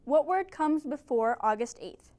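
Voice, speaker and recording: Recorded by a camera set back from her, a young ESL tutor guides a small classroom group through an English lesson. Her high voice has a dark tone and lively intonation, and she gives clear, encouraging instructions at a measured pace.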